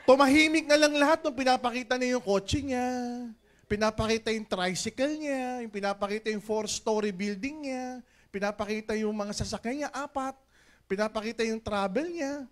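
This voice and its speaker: A middle-aged man giving a lively motivational business talk on stage, joking and calling out to the crowd, booming on punchlines and dropping low on asides. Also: normal speed. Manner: animated, jokey, swings between loud punchlines and low asides. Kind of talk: stage motivational speech with audience call-and-response. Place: large event hall with an audience.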